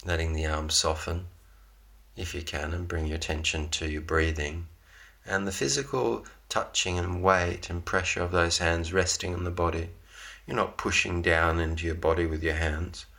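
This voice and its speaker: A man gently guiding a yoga class through a slow, calm relaxation with long pauses. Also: sits low, vocal fry. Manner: slow, soft, unhurried guidance with long pauses. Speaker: yoga teacher.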